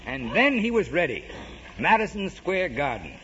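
A wry, boastful fight manager spins his tale with a lively, swooping delivery. It sounds like dull vintage radio with clear hiss. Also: fairly high pitch, moderate pace. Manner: wry storytelling, comic timing. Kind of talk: 1940s radio comedy sketch. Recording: lo-fi old radio broadcast with hiss.

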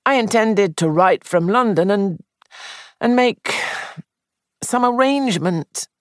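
A reader voicing a distraught young man accused of murder, pleading in a high, shaky voice. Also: expressive, unhurried, no room sound, studio quality, natural voice. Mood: panicked. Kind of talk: audiobook character voice.

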